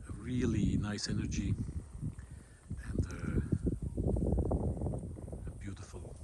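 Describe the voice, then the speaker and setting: Walking along a country road through hilly farmland, a man hosts his own video series in a halting, reflective monologue full of thoughtful pauses. His voice is lowish and steady, and outdoor background noise is clearly audible.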